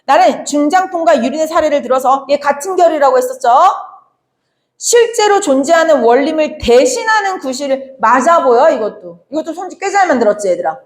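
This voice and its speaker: A young woman teaching literature in a lively exam walkthrough, chatty and brisk, often asking her students rhetorical questions and acting out quoted lines. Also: sits high. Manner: acts out quoted lines in playful voices. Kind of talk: exam problem walkthrough lecture.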